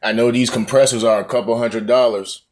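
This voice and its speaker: A man's voice: medium pitch, fairly even intonation, fairly quick. A man narrating video clips with casual commentary, giving informal advice. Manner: informal, advising.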